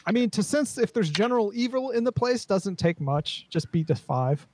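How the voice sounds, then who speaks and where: A man's voice: sits high, lively intonation, normal speed, a little mellow. A man running a tabletop game as game master, laid-back, often laughing and repeating himself.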